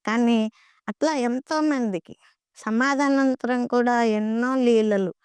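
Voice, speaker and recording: A woman's voice: a little high, slow pace, a little mellow, clear, resonant tone, dry recording. A middle-aged woman earnestly recounting devotional experiences, often repeating phrases for emphasis. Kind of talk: conversational storytelling.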